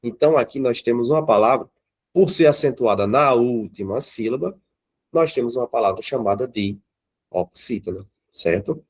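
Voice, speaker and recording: A man's voice: medium pitch, expressive, normal speed, breathy edge. Brazilian male teacher, mid-range voice, runs a live class and keeps asking the students questions. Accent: Brazilian Portuguese. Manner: checks in with the class often, asks the students questions. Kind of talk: classroom grammar lesson.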